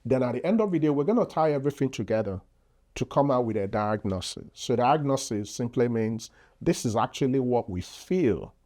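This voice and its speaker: A man's voice: medium pitch, animated, fairly quick, warm tone. A man from Nigeria with a Nigerian accent, a podcast guest and physician, explaining earnestly with frequent fillers. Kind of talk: casual interview talk.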